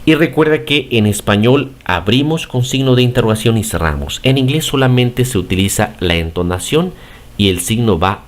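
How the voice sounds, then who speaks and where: A man giving a recorded English grammar lesson in Spanish, explaining step by step and checking in with "ok?". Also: medium pitch. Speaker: English teacher.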